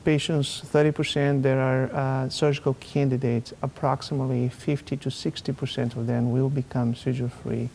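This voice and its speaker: Speaking as a guest on a TV talk show, a neurosurgeon from Spain explains things slowly and carefully, leaning on many fillers. His mid-range voice is gravelly and darkish, his delivery flat. There is slight background noise.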